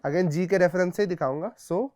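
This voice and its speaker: A man's voice: high-pitched, brisk, darkish tone. A man teaching a guitar theory lesson, explaining patiently step by step and checking in with his students often.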